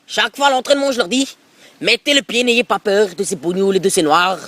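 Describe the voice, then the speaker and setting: Man putting on a pushy Alsatian football coach, high voice, rambling prank call, phone close to the mouth. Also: fast talker, sharp tone, slight background noise. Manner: pushy, rambling, repeats filler tags. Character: brash bigoted middle-aged male football coach, pushy. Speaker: prank caller. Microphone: phone held close to mouth.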